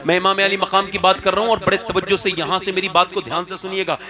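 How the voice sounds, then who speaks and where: A man preaching an impassioned religious sermon at a gathering, rising to shouts and calling on the listeners to respond. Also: high-pitched, flat delivery, quick pace. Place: religious gathering before a crowd. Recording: live gathering with crowd behind.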